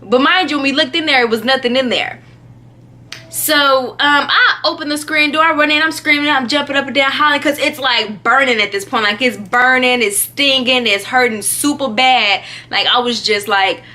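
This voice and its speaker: A young woman telling a story in a casual, animated way, chatty and often laughing. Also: high voice, moderate pace. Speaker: vlogger.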